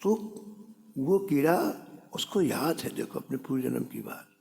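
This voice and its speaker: A man's voice: mid-range voice, animated, a little slow, vocal fry, a little mellow. A man preaching a sermon, telling a devotional story and briefly acting out the characters' lines. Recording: long hall reverb.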